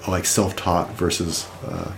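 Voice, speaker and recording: A man's voice: sits low, very animated, unhurried, gravelly, over music. A man talking casually as an interview guest, reflective and rambling with restarts. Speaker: guest designer. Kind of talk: casual conversation.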